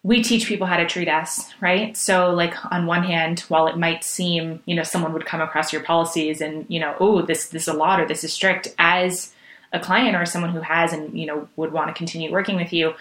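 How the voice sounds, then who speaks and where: A woman hosting a podcast, asking questions in a thoughtful, halting way with many fillers. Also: fairly low pitch, fairly even intonation, a bit bright. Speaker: podcast host. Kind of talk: casual interview chat. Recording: roomy, echoey sound.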